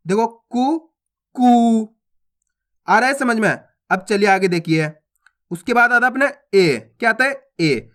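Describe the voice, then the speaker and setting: Brief: male Hindi tutor, high and bright, patient explainer who repeats sounds and checks understanding. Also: lively intonation, moderate pace. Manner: patient, repeats each sound and asks questions. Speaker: Hindi teacher. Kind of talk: explaining a spelling lesson.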